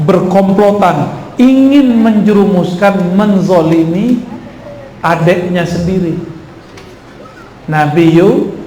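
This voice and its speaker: A man's voice: fairly high pitch, dark tone. A man giving an Islamic study talk to a live audience, conversational and quizzing his listeners. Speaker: preacher. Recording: echoey hall with faint noise.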